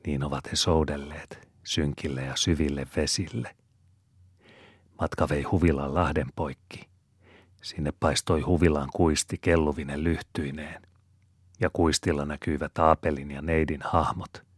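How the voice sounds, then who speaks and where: A man reading a novel aloud as an audiobook narrator, in a steady, measured manner. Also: extremely low pitch, breathy edge, dry recording, studio quality. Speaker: audiobook reader.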